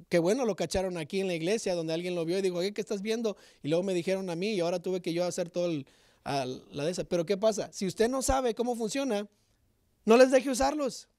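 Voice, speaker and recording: A male pastor preaching a sermon in an animated, direct way, often asking the congregation rhetorical questions. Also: high voice, no room sound, clean studio sound.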